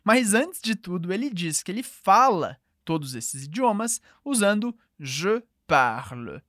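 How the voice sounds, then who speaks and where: Lively-voiced woman teaching French. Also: medium pitch, no echo, studio quality. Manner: clear, patient, slows down to model phrases. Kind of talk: language lesson.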